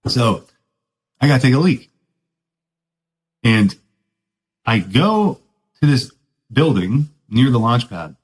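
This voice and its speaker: A man hosts a podcast, telling a loose story in relaxed surfer slang. His pitch jumps all over as he talks, swinging high and low. He pokes fun at himself and laughs along the way. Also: slow, pauses often, rough recording. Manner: laid-back surfer talk, keeps saying "dude"; rambling, self-mocking, laughs often. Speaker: podcast host. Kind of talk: casual storytelling monologue.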